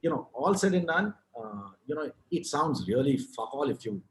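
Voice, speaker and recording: A man with a South Indian accent speaks in a medium-pitched, sing-song voice at normal speed. He's an advertising writer and author appearing as a guest on a video-call interview, talking frankly and ramblingly with restarts and casual swearing.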